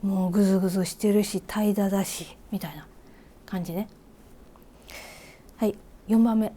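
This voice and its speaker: In a medium-pitched voice with fairly even intonation and normal speed, a Kansai-accented reiki teacher talks through an informal lesson. She questions her listener and occasionally whispers softly.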